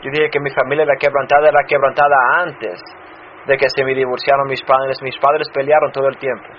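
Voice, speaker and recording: A man who grew up in Chicago and serves as a pastor, giving a personal testimony in a sermon, halting and restarting often. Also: mid-range voice, flat delivery. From Chicago, United States. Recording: dull muffled sound with faint noise.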